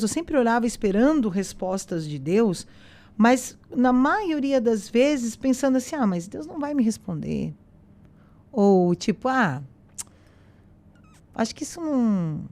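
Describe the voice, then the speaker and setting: Mellow-voiced woman telling her story. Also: a little high. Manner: animated storyteller who acts out quoted dialogue. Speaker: podcast guest. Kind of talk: casual personal faith testimony.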